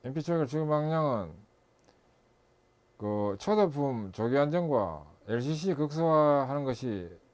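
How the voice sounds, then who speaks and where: Man, middle-aged, instructor, methodical lecture, step-by-step, mid-pitched voice. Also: lively intonation, a little slow, a little mellow. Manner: methodical, lists steps with self-corrections. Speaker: instructor and consultant.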